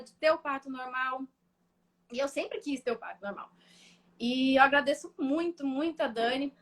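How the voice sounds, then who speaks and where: A young woman, a guest in a live chat, telling a painful personal story in a halting, emotional way. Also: high-pitched, a bit bright. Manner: emotional, halting, full of fillers and restarts.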